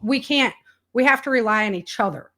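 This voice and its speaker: A woman who writes and podcasts about survival prepping appears as an interview guest, talking casually and spontaneously. Her voice is a little high, brisk, pushed and bright, and she's colloquial and emphatic, acting out other people's remarks as she goes.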